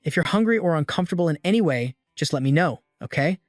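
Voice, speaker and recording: A man's voice: a little high, lively intonation, fast, no echo, clean studio sound, close to an everyday voice. A man doing an eager young man. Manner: eager, fussing. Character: eager, excitable young man, fussy and kind.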